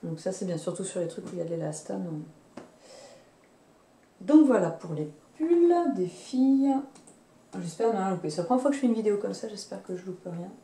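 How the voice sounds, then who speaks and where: A woman in her thirties chatting casually about fabric she bought, pausing often with fillers and restarts. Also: medium pitch, lively intonation, mellow, distant mic. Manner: hesitant, many fillers and restarts. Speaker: sewing vlogger. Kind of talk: casual chat showing fabric purchases. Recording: roomy sound, away from the mic.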